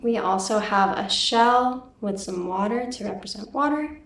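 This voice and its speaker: A woman leading a guided meditation, giving slow, gentle instructions. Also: mid-range voice, recorded from a distance. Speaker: guest meditation teacher. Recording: echoey room, voice a bit off-mic.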